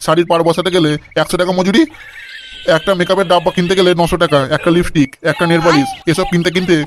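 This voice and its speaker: A man's voice: sits high, steady tone, rapid-fire, natural voice. A man voicing a crude, balding old cartoon father who swears and mispronounces English words. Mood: angry. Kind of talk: cartoon comedy voice acting.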